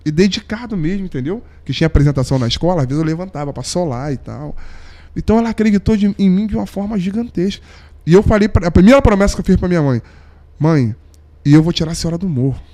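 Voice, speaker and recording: A young man with a fairly high, mellow voice, telling a personal story on a podcast. His talk is slangy and heartfelt, and it sinks almost to a whisper at the tender moments. The delivery feels like an unscripted chat among friends. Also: lively intonation, quick pace. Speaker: podcast guest, saxophonist. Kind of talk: emotional storytelling in casual chat.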